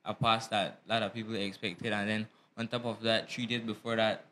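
A man joins a Bible lesson discussion, thinking out loud with little hesitations. His delivery stays flat and even, with a soft ambient hum underneath. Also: on the low side, fairly quick. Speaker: co-host. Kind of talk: casual discussion.

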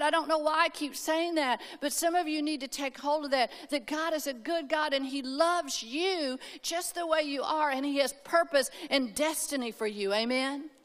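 A woman's voice: high voice, a bit bright. A woman preaching at a women's conference, telling a personal story with emphasis and calling out for amens. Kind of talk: sermon. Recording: hall reverb.

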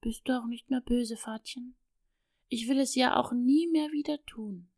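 A woman's voice: a little high, steady tone, a little slow, vocal fry, darkish tone, no room sound, clean studio sound. A woman voicing a shy, remorseful little girl who falters and pleads in a raised, childlike voice. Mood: timid.

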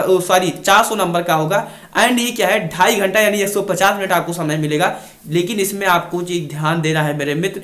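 A young man with a high, slightly bright voice, recorded with a roomy sound, gives an informal explainer to exam aspirants. He's an exam-news YouTuber and coach who teaches students and repeats the key points.

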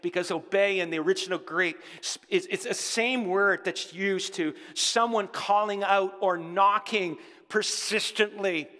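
A man's voice: high-pitched, measured pace. Impassioned male pastor preaching in a hall. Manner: impassioned preaching, swinging from shouting to soft, somber tones. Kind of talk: sermon. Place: church sanctuary.

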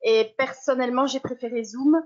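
A woman, a primary school teacher, explaining her online lessons in a webinar, with a lively manner and frequent restarts. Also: high voice, normal speed. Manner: lively, explanatory, self-correcting. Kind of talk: webinar presentation. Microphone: video call. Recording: dull lo-fi online call audio.

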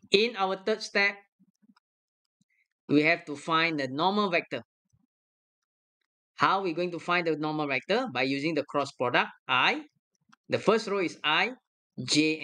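A math lecturer with a medium-pitched, bright, forceful voice narrates a worked problem on a screen recording, going one step at a time and verifying each sum aloud.

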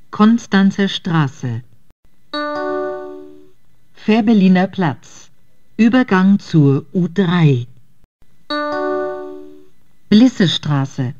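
A woman's station calls come over a train intercom, each one slow and deliberate. Her voice sits fairly low. The sound is dull and lo-fi, with piano music clearly behind it. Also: darkish tone. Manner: measured, clipped station calls. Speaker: train announcer. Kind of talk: recorded station announcements.

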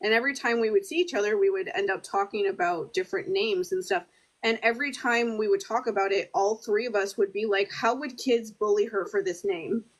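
A woman's voice: medium pitch, brisk, poor audio. A woman co-hosting a podcast in casual chat, giggly and leaning heavily on "like". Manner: giggly, heavy use of "like". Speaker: podcast co-host.

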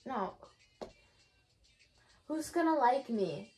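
A woman's voice: sits high, lively intonation, extremely slow, warm tone, faint music behind. A young woman bantering casually and playfully with a friend, repeating her phrases to be understood. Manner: repeats phrases to a partner who can't hear. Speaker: challenge video participant. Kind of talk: casual playful banter in a lip-reading game. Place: small bedroom, indoors.

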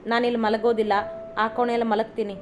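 A woman's voice: on the high side, little pitch movement, fast, slight background noise, natural voice. A woman voicing a young husband who fakes anger to tease his wife, then turns affectionate. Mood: mock-stern. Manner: mock-stern then affectionate teasing. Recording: slightly dull recording, faint music.

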